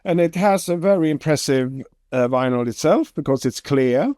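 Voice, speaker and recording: A man speaks through a head cold, his voice nasal and stuffy. He chats casually and hesitantly, with lots of ums, in a slightly higher register. The sound is close and dry. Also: lively intonation, moderate pace, mellow, smooth, no echo. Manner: hesitant, many ums and uhs. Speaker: show host. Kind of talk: casual chat.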